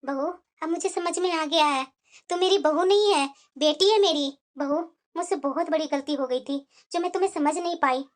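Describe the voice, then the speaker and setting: A woman's voice: high-pitched, normal speed, natural voice. A woman voicing a stingy cartoon mother-in-law who is remorseful and tender with her daughter-in-law. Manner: musing, then remorseful and tender. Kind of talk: cartoon voice acting.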